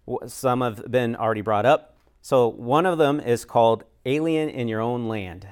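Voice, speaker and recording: A chaplain and pastor from the United States chats casually at a church discussion in a mid-range male voice. Gaps are filled with "uh" and "um," and an occasional light laugh slips in.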